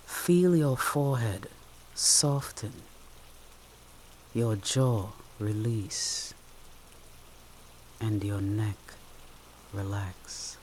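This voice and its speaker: A meditation guide with a soothing, mid-pitched voice talks extremely slowly, leaving long pauses between short, gentle instructions. Soft rain falls steadily in the background, along with a slight hiss or hum.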